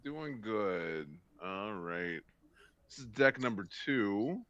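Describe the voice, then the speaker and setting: A man casually explaining his deck, halting and correcting himself. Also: on the low side, lively intonation, a bit bright, lo-fi sound. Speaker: contestant. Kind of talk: casual chat.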